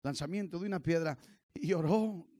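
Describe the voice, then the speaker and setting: A male pastor preaching a sermon, moving from loud sung praise to quiet storytelling and joking asides to the congregation. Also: normal speed. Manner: swings from shouted sung praise to low storytelling. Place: church.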